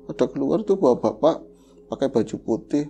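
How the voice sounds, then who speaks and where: Dark-voiced man telling a ghost story. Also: medium pitch, normal speed, creaky, a little hiss or hum. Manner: lively, conversational, with frequent fillers. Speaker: guest storyteller. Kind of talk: recounting a ghost story in casual chat.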